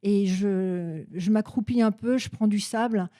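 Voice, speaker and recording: A woman's voice: mid-range voice, measured pace, dark tone, no room sound, studio quality. A woman in her fifties from Normandy, a guest telling her story in casual conversation, hesitant with many fillers and restarts. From Normandy, France. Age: 50s.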